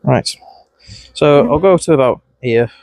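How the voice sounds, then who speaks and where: A chatty beekeeper with a mild Scouse-Wigan accent narrates his vlog outdoors at the hives in a bee suit, talking to and scolding the bees, voice jumping up when startled. His voice is medium-pitched and a little mellow, at a measured pace. There's no echo, and bees crawl over the mic clipped close to him.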